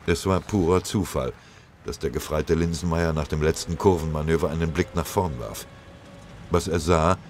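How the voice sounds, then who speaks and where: A man's voice: a bass voice, a little hiss or hum. A man reading a war story aloud in a dramatic, vivid storytelling manner. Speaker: narrator. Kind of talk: scripted audiobook narration.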